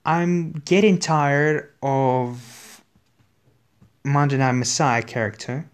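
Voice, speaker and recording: A man ranting in casual, profane commentary, his voice hoarse and exasperated. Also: medium pitch, steady tone, takes it slowly. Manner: profane, exasperated, swears constantly. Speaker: wrestling commentator.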